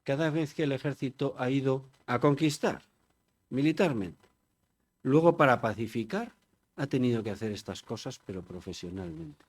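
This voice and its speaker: An older man from Spain talking to an audience. He is chatty and digressive and keeps turning to listeners with rhetorical questions. His voice is of middle pitch. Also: moderate pace. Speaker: conference speaker. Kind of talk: informal public talk.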